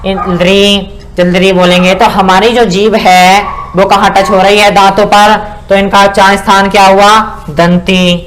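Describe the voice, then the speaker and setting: A man's voice: sits high, little pitch movement, a bit bright, slight background noise. Male teacher, patient classroom delivery, drawing out each syllable. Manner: repeats "ठीक है ना" and sounds out syllables slowly. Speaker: Sanskrit grammar teacher. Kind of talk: spoken lesson explaining pronunciation.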